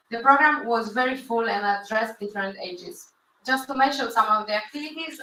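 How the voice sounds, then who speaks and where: A woman hosts a live-streamed awards ceremony, speaking hesitantly, repeating words, and using non-native phrasing. Her voice is on the high side, pushed and bright. The recording is echoey and distant, as if from far off in a hall, with a slight hiss or hum.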